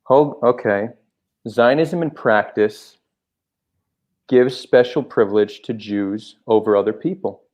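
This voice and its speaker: Calm, measured man hosting a call-in. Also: lowish voice, highs cut off. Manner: calm, measured, repeatedly tries to get a word in. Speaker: host. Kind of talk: live call-in debate.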